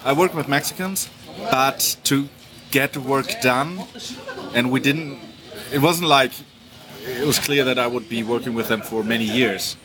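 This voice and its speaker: A man's voice: mid-range voice, a little slow. A man in his forties with a German accent, chatting casually as a podcast co-host, often hesitating and restarting. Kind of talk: casual chat. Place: Japanese supermarket. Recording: noisy crowded shop. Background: crowd chatter.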